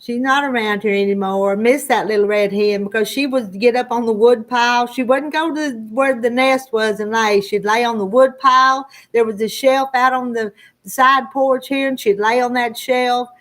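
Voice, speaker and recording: A slightly high, somewhat bright voice with fairly even intonation and a moderate pace belongs to a woman in her sixties. She hosts a livestream, chatting in a folksy, rambling, homespun way, and her rural Southern Ozark country accent comes from the Arkansas Ozarks foothills in the US.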